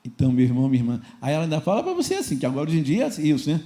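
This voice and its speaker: A Brazilian man preaches to his church congregation, slipping into playful little scenes between exhortations. His voice sits a bit high with a warm, mellow color and a relaxed, chatty delivery. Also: rapid-fire. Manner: lively and informal, acting out little scenes and laughing. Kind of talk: sermon. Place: church service before a congregation.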